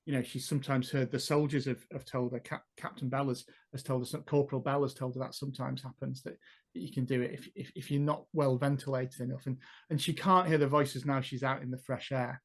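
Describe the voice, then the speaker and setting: A man's voice: mid-range voice, level tone, brisk. A man playing a tabletop role-playing game, thinking aloud as he builds the scene step by step. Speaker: player. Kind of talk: tabletop role-play storytelling.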